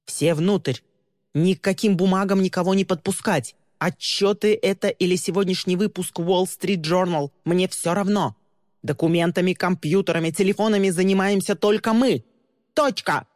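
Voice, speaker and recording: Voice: medium pitch, normal speed, no room sound, studio quality, big-room sound, voice pushed up, close to an everyday voice. An audiobook reader voicing a male agent who barks threatening, commanding orders during a raid.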